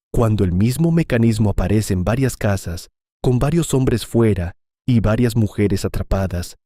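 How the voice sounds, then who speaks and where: Calm man narrating. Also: lowish voice, dry recording, studio quality. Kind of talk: scripted first-person story narration.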